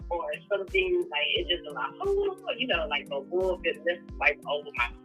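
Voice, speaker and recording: Bright-voiced woman caller, agreeable. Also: low voice, a little fast. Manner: agreeable, appreciative. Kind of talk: casual phone chat. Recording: music behind.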